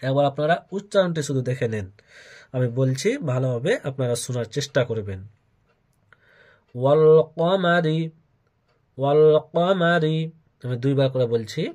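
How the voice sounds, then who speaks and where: A man with a Bangladeshi accent teaching Quran reading, spelling syllables aloud and drawing them out in a melodic recitation, with quick plain explanations between. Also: mid-range voice, warm tone.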